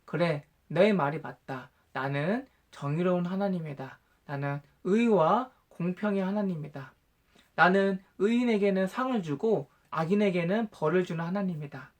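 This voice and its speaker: A man voicing God as a male deity in a Bible storybook reading, calm, patient and reassuring. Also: high voice, normal speed, close to an everyday voice. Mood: gracious, reassuring.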